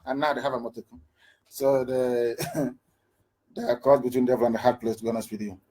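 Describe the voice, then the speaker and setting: A man's voice: medium pitch, flat delivery, a little fast, warm tone. A middle-aged man giving an impassioned political address, firing off rhetorical questions and repeating words for emphasis. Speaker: political broadcaster.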